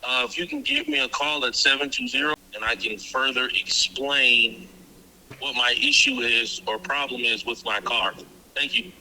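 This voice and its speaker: A man's voicemail played back from a phone, his voice very bright and sharp. He asks a mechanic for help in a casual, halting way, with plenty of fillers along the way. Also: medium pitch, big pitch swings, low-quality recording. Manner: hesitant, with many fillers. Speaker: caller leaving a voicemail for a mechanic.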